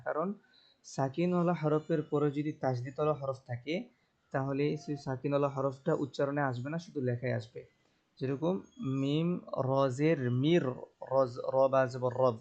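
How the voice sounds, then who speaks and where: A male Quran teacher giving an online tajweed lesson, alternating slow, drawn-out melodic recitation with quick plain explanations. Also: mid-range voice, a little mellow, lo-fi sound.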